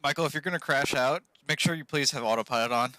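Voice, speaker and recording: Fast-talking man teasing in game chat. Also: mid-range voice, pushed and bright, no echo. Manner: teasing, reassuring, gives tips. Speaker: squad member in team game. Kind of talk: gaming voice chat.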